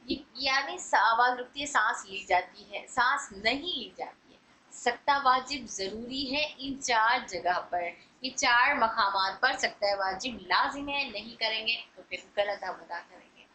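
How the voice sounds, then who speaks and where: A woman's voice: on the high side, measured pace, pushed and bright, a little hiss or hum, rough recording. A woman teaching an online recitation lesson, patiently explaining and repeating each rule.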